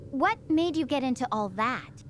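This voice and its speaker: Sitting high and expressive at normal speed, this synthetic woman's voice portrays a stranded young astrophysics researcher. She's chatty and curious, full of questions.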